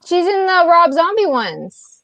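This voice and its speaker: A woman co-hosting a casual live stream, animated and quick to laugh. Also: very high voice, highs cut off.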